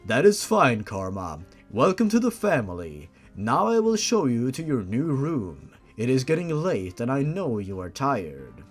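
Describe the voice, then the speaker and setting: A man voicing a formal, gentle monster patriarch who speaks fondly and solemnly in a story reading. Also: mid-range voice, huge pitch swings, a little slow, few pauses, husky, faint music behind, voice pushed down, heavily acted. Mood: formal, welcoming.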